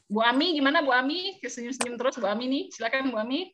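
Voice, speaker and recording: A woman hosting an online business talk, telling stories in an animated, chatty way to her audience. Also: high-pitched, quick pace, a little hiss or hum. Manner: animated storytelling with chatty asides. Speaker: business mentor and webinar host.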